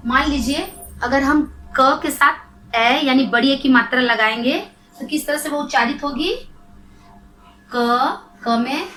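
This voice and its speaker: A woman teaching a children's grammar lesson, drawing out syllables slowly and answering her own questions. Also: sits high, fairly bright tone, reverberant, low-quality recording.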